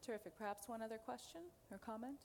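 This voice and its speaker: A woman moderating a conference panel, brisk and friendly as she invites questions. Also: fairly high pitch, gravelly, darkish tone, slight background noise.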